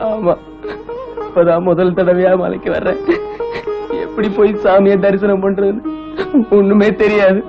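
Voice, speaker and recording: A poor pleading pilgrim. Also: male voice, sits high, flat delivery, measured pace, creaky, pauses often. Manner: pleading, tearful. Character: poor humble first-time male pilgrim, pleading. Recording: dull old film soundtrack. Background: film music.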